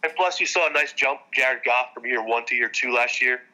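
A man's voice: medium pitch, fairly quick, bright, forceful tone, poor audio. A man co-hosting a sports podcast, chatting casually with frequent stammered restarts. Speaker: podcast co-host.

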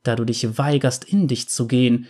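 A man's voice: mid-range voice, fairly even intonation, normal speed, warm tone, slightly rough, lightly acted. A man voicing a veiled female spirit, cold and stern, in a storybook reading. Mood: menacing. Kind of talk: storybook narration.

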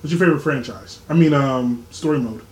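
With a mid-range, brisk voice, this young podcast co-host chats casually, often breaking into laughter and performing characters' voices as he tells stories. The recording has an echoey room and a faint background ambience.

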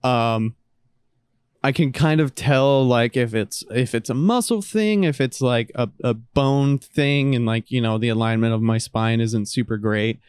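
A man's voice: medium pitch, unhurried, a little mellow, clean tone, no room sound. A young man co-hosting a podcast, talking in a laid-back, rambling way with lots of fillers. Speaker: podcast co-host. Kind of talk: casual chat.

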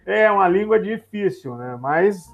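A middle-aged man, a former airline pilot telling stories in a relaxed interview, using many tag questions. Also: high-pitched, a little slow, creaky, faint music behind. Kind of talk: casual interview chat.

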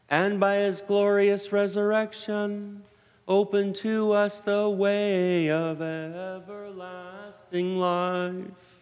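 A man leading a church service as priest, intoning the liturgy slowly in a long cathedral echo. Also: high-pitched, smooth. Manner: slow, intoned chanting of liturgical lines. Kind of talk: chanted liturgy. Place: large church sanctuary. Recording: long reverb in a large church.

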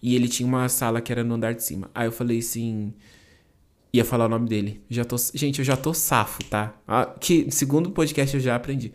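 A man's voice: medium pitch, fairly quick, slight background noise. Young Brazilian man telling a heartfelt story. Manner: animated, slangy, acts out dialogue in his story. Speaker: podcast host sharing testimony. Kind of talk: emotional personal storytelling.

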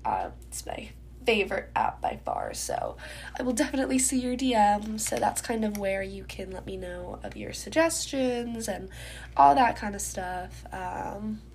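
A young adult woman hosts a casual solo podcast, chatting loosely with lots of ums while getting ready. Still recovering from an illness, she sounds congested, with a stuffy nose and sore throat; her mid-range voice is very animated, unhurried, creaky, and darkish, with slight background noise.

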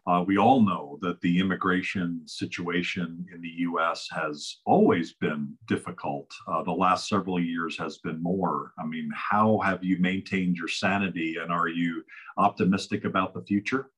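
A man's voice: sits low, fairly even intonation, moderate pace, a bit bright, husky. A man hosting a podcast, introducing his guest effusively and stumbling over words now and then. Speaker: podcast host. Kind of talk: interview hosting.

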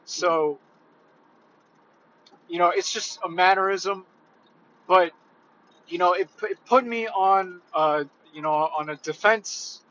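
Hesitant man vlogger, slow and bright-toned, lo-fi recording. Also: high-pitched, fairly even intonation. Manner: hesitant, halting, heavy on fillers. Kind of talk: casual reflective monologue.

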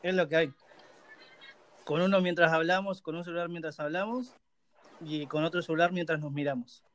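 A man's voice: a little high, steady tone, moderate pace, fairly bright tone. A man hosting a casual podcast from his room, talking into a phone with laid-back, dry remarks. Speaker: podcast host. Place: his own room in Buenos Aires.

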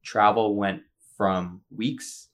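Man, low-pitched podcast co-host, eager explainer with lots of "like" and "um". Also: steady tone, drawn-out words, fairly bright tone. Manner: enthusiastic explaining with frequent fillers. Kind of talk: casual podcast chat.

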